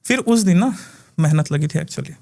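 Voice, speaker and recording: Brief: male spiritual healer, high-pitched, lively storyteller, laughs a lot. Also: moderate pace, creaky. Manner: animated storytelling, laughs often. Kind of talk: casual podcast chat.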